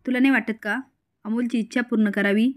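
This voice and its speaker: A woman's voice: a little high, steady tone, a little fast, natural voice. A woman voicing a young mother coaxing her former husband to reunite for their son's sake in a retold serial. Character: pleading young mother wanting her ex back.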